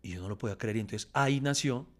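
A man's voice: mid-range voice, very fast. A man telling a long story in a casual podcast chat, acting out quotes and laughing often.

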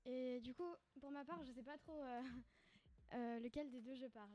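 A woman's voice: high-pitched, moderate pace, darkish tone. A young woman talks in a casual class discussion, hesitant and full of fillers.

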